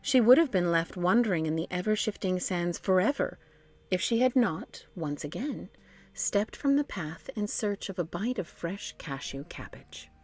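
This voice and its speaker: Reading aloud from a children's storybook, this woman uses a lowish voice and a deliberate, expressive narrating style.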